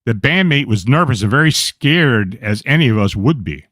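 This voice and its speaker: Male radio host reading strange tales aloud, even storytelling delivery, dead-dry mic. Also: mid-range voice, moderate pace, no echo. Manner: steady reading with small slips and self-corrections. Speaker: radio show host reading paranormal accounts.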